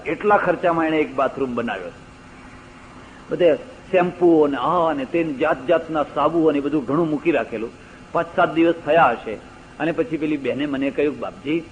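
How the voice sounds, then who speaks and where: Older Gujarati man giving a discourse. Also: on the high side. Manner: storytelling, acts out quoted voices, rising emphatic stresses. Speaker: religious discourse speaker. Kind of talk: spoken religious discourse with anecdotes. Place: lecture hall. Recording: dull lo-fi archival audio recording.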